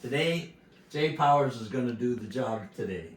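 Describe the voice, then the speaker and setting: A man's voice: medium pitch, expressive, moderate pace. Show host man in an echoey kitchen. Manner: friendly, brief affirmations. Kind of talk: casual chat. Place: home kitchen. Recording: echoey kitchen from far off, faint hiss.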